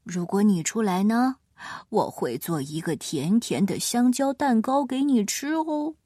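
A woman storyteller voicing a kindly old grandmother who speaks slowly and sweetly. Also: animated, warm tone. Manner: slow, sweet, lower voice.

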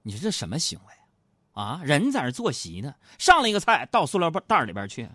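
A young male comedian with a Northeastern Mandarin accent tells funny stories in a chatty, lively way and jumps into character voices. His voice is bright, and the sound is dry and close. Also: on the high side, fast talker, dry recording. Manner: chatty, animated, acts out characters. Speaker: stand-up comedian. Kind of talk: comic storytelling monologue.

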